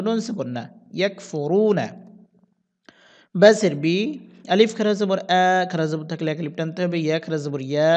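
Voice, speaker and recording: Guy teaching quran reading, spells out each letter then chants it slow, high voice, kinda muffled lo-fi sound. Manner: spells letters and vowel marks one by one, then chants verses slowly. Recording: dull lo-fi sound.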